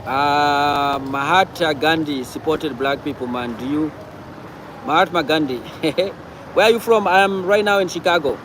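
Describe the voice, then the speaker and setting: A man's voice: fairly high pitch, a little slow, background noise. A man from Cameroon, hosting a casual livestream and talking back to viewer comments, often repeating himself. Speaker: livestream host.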